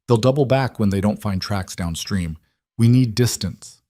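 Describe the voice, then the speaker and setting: A man's voice: lowish voice, normal speed, warm tone, no room sound, studio quality, lightly acted. Man doing a firm, protective cowboy. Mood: urgent. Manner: firm, clipped and commanding.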